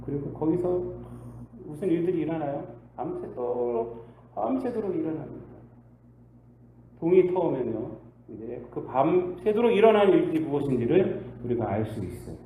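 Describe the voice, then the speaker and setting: A male pastor delivers a sermon in a warm, mellow voice that rises and falls in lively swoops. He keeps posing rhetorical questions, jumping from loud bursts to hushed asides. The recording carries the echo of a church sanctuary with a faint hiss. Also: on the high side, normal speed.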